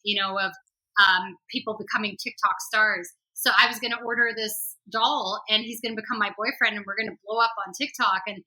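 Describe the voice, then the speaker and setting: In this low-quality recording, a chatty Canadian country-rock singer is a guest in a casual interview, speaking fairly quickly in a steady, mid-range tone. Her bright voice is soft with a touch of hoarseness, and she laughs often and breaks into snippets of song.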